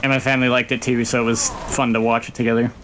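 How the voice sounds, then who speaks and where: A man chats casually over a game with some faint noise behind him. His pitch is middling and he speaks as a relaxed-format let's play co-host. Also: very fast. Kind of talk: casual chat over gameplay. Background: video game sound.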